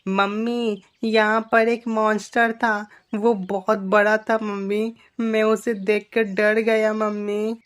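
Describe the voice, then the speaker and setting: A voice actor playing a scared little boy in a children's cartoon, in a high, frightened voice. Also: little pitch movement, takes it slowly, hardly any pauses, smooth, lightly acted.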